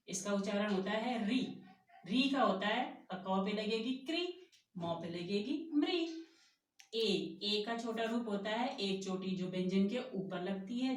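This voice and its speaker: A woman's voice: medium pitch, roomy sound, recorded from a distance. A woman teaching young children a grammar lesson, patiently asking questions and answering them herself. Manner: slow, patient, asks and answers her own questions. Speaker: primary school teacher.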